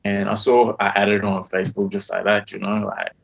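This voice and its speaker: In dull audio, a man in his thirties talks briskly in a lowish, completely flat voice with vocal fry, a faint South African accent underneath. As a podcast guest in a casual interview, he tells his story candidly, swears freely, and leans on "you know what I mean."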